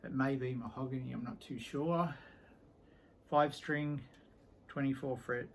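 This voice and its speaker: A man's voice: medium pitch, fairly even intonation, a little slow, slight background noise, low-quality recording. A middle-aged man showing his guitar collection in a casual vlog, talking in an easygoing, rambling way full of ums and trailing-off sentences. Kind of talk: casual show-and-tell vlog.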